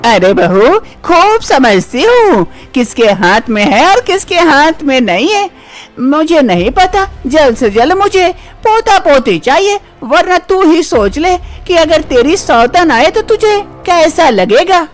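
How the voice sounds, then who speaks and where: A woman's voice: high voice, very animated, slow, soft background music, pitched above the performer's own voice, heavily acted. A woman voicing a domineering older mother-in-law in a cartoon story, who scolds, taunts and makes threats. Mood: scolding. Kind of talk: storybook voice acting.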